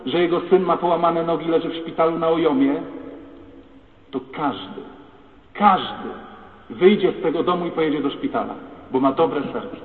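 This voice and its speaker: Preaching priest in an echoing hall. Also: male voice, on the high side, fairly even intonation, fairly quick, far from the mic. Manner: rhetorical, addresses the congregation directly. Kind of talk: sermon. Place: large church. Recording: echoey church hall, tinny phone-like sound.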